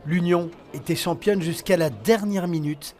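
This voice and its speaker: A male reporter giving scripted news narration with a measured, dramatic delivery. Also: high voice, darkish tone.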